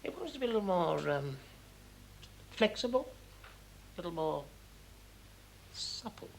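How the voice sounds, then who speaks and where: A bossy, excitable stage director. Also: male voice, sits high, measured pace, gravelly, a little hiss or hum, full character voice. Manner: bossy, impatient, theatrical. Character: fussy, excitable stage director running a rehearsal. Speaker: theatre director. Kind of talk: 1970s televised stage drama.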